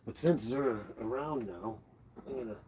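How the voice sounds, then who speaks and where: At a measured pace, a middle-aged man with a slightly rough, medium-pitched voice hosts a casual livestream from his home, his nose stuffed from the flu. He reads comments and chats with viewers by name in a relaxed, rambling way via a laptop microphone.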